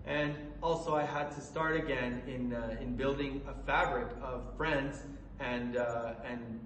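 A man from Colorado preaching a sermon in an earnest, halting way, with many fillers and restarts. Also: medium pitch, fairly even intonation, fairly bright tone, far from the mic, a little hiss or hum. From Colorado, USA. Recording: echoey room from away from the mic.

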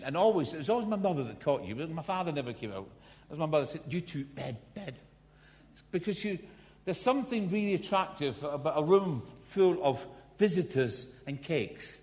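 A man's voice: a little high, a little mellow. A Scottish man in his fifties preaching a sermon, telling stories with self-mocking humour. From Scotland. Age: 50s. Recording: long hall reverb.

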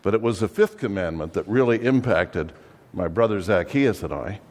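A man playing a fussy biblical-era undertaker who pitches his business with exasperated, theatrical sales patter. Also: animated, normal speed, a little mellow, big-room sound. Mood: salesy, wry. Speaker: comic monologue performer. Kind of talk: comic character monologue.

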